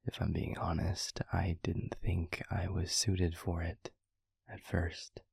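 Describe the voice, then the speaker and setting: Playing a gentle, thoughtful demon mentor in an intimate audio roleplay, a man speaks softly in a low, breathy, half-whispered voice with a completely flat delivery. His pauses are measured and hesitant, and the mood is reflective and earnest. It's a full character voice, with no echo.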